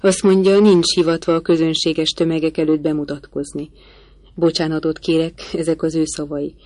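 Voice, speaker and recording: Woman reading a nervous male servant, deferential, apologetic, lowish voice, dry. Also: flat delivery, darkish tone, no room sound, natural voice. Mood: reporting.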